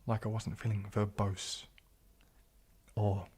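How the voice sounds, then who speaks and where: On an ASMR livestream, a male YouTuber reads and answers viewer comments in a hushed, breathy voice that often drops to a half-whisper, polite and halting. His soft New Zealand accent is often mistaken for British. His voice sits on the low side with a level tone, over a slight hiss or hum.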